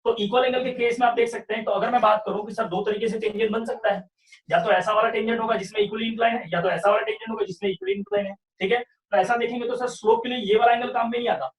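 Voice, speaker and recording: High-voiced maths teacher, echoey room. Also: male voice, steady tone, very fast, distant mic. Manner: explains step by step, often asks "sahi hai kya?". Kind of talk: online revision class lecture.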